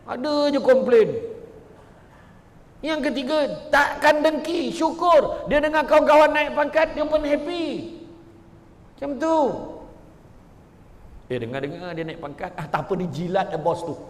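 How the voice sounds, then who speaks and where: A man with a Malaysian Malay accent giving a humorous religious talk, animated and jokey, often slipping into characters. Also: extremely high pitch, measured pace, pauses often. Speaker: preacher. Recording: echoey hall.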